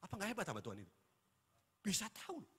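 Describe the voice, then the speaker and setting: High, lively man preaching. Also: fast talker, breathy edge. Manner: animated, joking preacher who quizzes the congregation. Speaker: pastor. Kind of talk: sermon. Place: church hall. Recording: echoey church hall.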